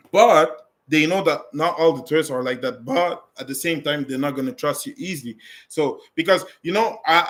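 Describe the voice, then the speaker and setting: A Canadian vlogger whose first language is French answers viewer questions in a casual chat. His voice is on the high side and a bit bright, and he speaks loosely and conversationally, restarting often.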